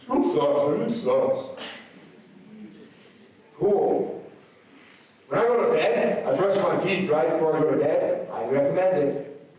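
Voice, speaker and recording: A slightly hoarse man giving an energetic motivational speech to a school assembly, swinging between loud peaks and soft asides. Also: a little high, slow pace, long pauses, far from the mic, lo-fi sound. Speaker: motivational speaker. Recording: very echoey hall, recorded from afar.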